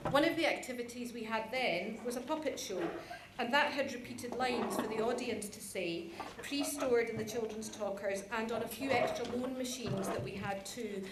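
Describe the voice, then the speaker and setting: A woman with a slightly high voice gives an informal, good-humoured presentation at a conference, speaking at a moderate pace with hardly any pauses. The recording is roomy and clearly noisy, captured in a large conference hall.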